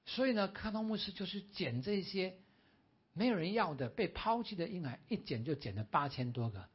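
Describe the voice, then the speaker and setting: Animated man preaching, husky voice. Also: high voice, moderate pace. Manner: animated, asks the congregation questions. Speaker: guest preacher. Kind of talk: sermon. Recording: dull lo-fi recording.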